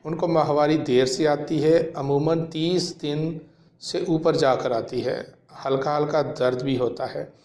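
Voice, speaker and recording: A man in his thirties, a homeopathic practitioner, explaining a medicine to camera in a measured way with frequent fillers, in a small room. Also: fairly high pitch, fairly even intonation, a little mellow, a little hiss or hum. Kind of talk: educational talk to camera. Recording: echoey room.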